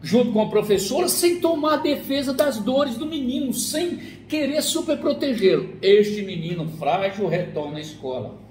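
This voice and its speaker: A man talks through a psychology lesson in a lively, animated way, voicing the parents and children in his examples. His voice sits high for a man. The room is echoey, with a faint hum of ambience behind him. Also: moderate pace. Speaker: psychologist giving a talk. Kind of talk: explanatory talk.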